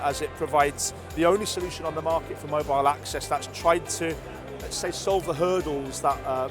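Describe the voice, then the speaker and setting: Speaking on the high side, a man being interviewed describes a product in a conversational, measured way, hesitating often and leaning on ums and filler phrases.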